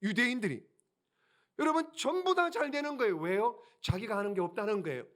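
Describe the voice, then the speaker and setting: A man's voice: high voice, expressive, fairly quick, a bit bright. A man preaching a sermon as pastor, emphatic, asking rhetorical questions and repeating key lines for his congregation. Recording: church sermon recording.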